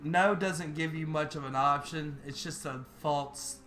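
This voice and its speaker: A man's voice: a little high, steady tone, a little slow, fairly bright tone, soft background music. A man co-hosting casual, joking game commentary in a brash, sarcastic, profane manner. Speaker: gaming channel co-host.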